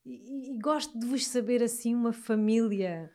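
A woman's voice: on the high side, moderate pace, warm tone. Informal Alentejo Portuguese woman chatting. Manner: informal, affirming, repeats phrases. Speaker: host interviewing a guest. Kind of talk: casual chat.

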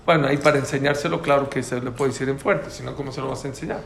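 A man's voice: mid-range voice, steady tone, very fast, creaky, a bit bright. A man teaching a religious class. He is emphatic, repeats his key points and answers students' questions directly. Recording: roomy, faint background noise.

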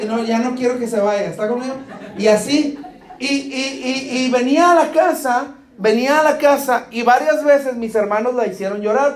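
A man, preaching as a pastor. He keeps asking the congregation if they follow him, and he acts out little dialogues with humor. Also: very high-pitched. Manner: asks the congregation "¿Está conmigo?" again and again. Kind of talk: sermon. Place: church hall. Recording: echoey church hall.

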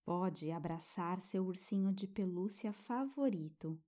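A Brazilian woman gently narrating a guided sleep-story meditation for children, hushed and tender, as a soothing guide. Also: fairly low pitch. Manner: gentle, hushed, breathy pauses, tender diminutives.

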